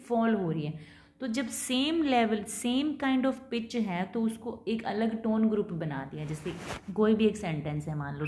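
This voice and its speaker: A woman teacher with an Indian accent explains a lesson, reading English definitions slowly and deliberately, then explaining them casually. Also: medium pitch, darkish tone, echoey room. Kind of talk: lecture mixing Hindi and English.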